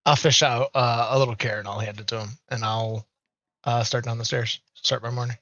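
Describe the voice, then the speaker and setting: A man's voice: mid-range voice, fairly even intonation, a little fast, pushed and bright, no echo. A man playing in a tabletop game, describing his actions in a casual, rambling way. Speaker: player. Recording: dull, muffled audio.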